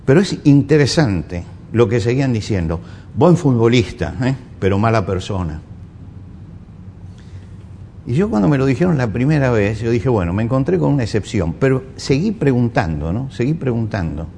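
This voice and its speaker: A man's voice: mid-range voice, very animated, a little fast, creaky, mellow, slight background noise. A man with an Argentine accent preaching a sermon, asking rhetorical questions and repeating phrases for emphasis. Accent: Argentine Spanish. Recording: echoey hall with faint ambience.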